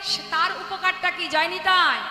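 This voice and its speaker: A woman's voice: extremely high pitch, fairly even intonation, a little slow, sharp tone. A woman with a Bengali accent, a kirtan singer who chants and then preaches earnestly to a gathering. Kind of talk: devotional chanting and sermon. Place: devotional gathering hall. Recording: echoey hall with music behind.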